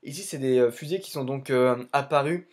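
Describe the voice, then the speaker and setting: Speaking a little fast in a mid-range voice, a young Frenchman offers loose, off-the-cuff commentary as a YouTuber looking into game clans. He meanders and leans over and over on the filler "tout simplement."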